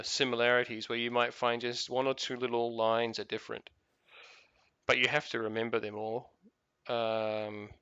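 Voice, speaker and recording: A man's voice: medium pitch, bright, forceful tone, smooth, no room sound, muffled recording. A man with a New Zealand accent chatting casually while playing a game, rambling with lots of fillers and restarts. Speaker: gaming video host.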